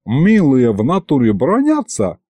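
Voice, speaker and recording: A man's voice: mid-range voice, wildly swooping pitch, measured pace, mellow, no room sound. A man voicing a cheeky male imp who talks gleefully in street slang. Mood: amused.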